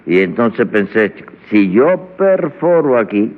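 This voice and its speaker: Tres Patines, a cheeky Cuban rogue. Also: male voice, on the low side, big pitch swings, measured pace. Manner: rambling, mangles words, calls everyone "chico". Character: bumbling, cheeky male defendant full of tall tales. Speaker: defendant in a comic courtroom. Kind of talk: vintage radio comedy acting. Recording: dull old radio recording with reverb.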